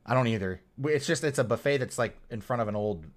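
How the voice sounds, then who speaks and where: A man's voice: medium pitch, expressive, fast talker. A man co-hosting a podcast, rambling in casual chat with lots of fillers and casual swearing. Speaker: podcast co-host.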